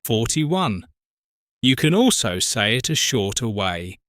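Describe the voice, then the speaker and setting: A British man in his forties co-hosting an English lesson podcast, speaking slowly and clearly for learners. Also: medium pitch, big pitch swings, fairly bright tone, no echo, clean studio sound. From Britain. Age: 40s. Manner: slow, careful, spells out words. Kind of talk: slow scripted teaching talk.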